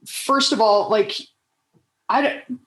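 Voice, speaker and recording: A woman from the Southern United States, a podcast host and coach, interviews a guest in an enthusiastic, chatty way. Her fairly high voice moves slowly in this casual interview talk, and the recording is rough.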